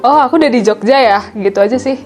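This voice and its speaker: Mahasiswi dari Medan yang kalem dan santai. Suaranya sedikit tinggi. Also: female voice, on the high side, fast talker, faint music behind. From Medan, North Sumatra. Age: 20s. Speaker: university student. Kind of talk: casual interview answers.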